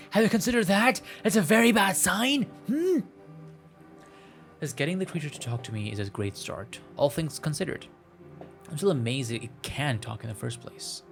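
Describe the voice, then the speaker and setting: A gaming streamer with a gravelly, fairly bright voice on the high side plays a visual novel. He reads the text aloud and chats casually in a playful, rambling way, sometimes stumbling over the words.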